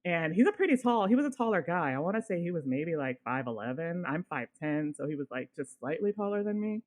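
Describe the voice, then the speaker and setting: A woman co-hosting a podcast, telling a personal story in a casual, animated way and swearing now and then. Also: lowish voice, fairly quick. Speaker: podcast co-host.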